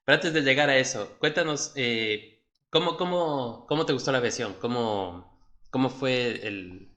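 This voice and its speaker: A man's voice: mid-range voice, measured pace, sharp tone. A man with an Ecuadorian accent hosting an interview, chatty and often repeating words as he searches for his phrasing. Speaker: interview host.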